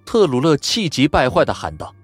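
Expressive male audiobook narrator. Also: a little high, a little fast, husky, no echo, faint music behind. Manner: expressive, vivid storytelling. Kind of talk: scripted storybook narration.

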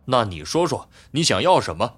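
An actor playing a proud, touchy male robot inventor in an audiobook, boastful and quick to take offense. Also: mid-range voice, sing-song, fairly bright tone, slightly rough. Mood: indignant. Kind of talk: audiobook character voice.

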